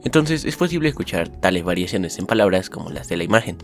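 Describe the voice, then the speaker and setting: A man with a low, voice narrates a scripted summary of school lessons. He reads the lesson text at an even, steady pace. Faint music plays under his voice. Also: fast talker. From Mexico. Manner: upbeat intro, then steady reading of lesson text.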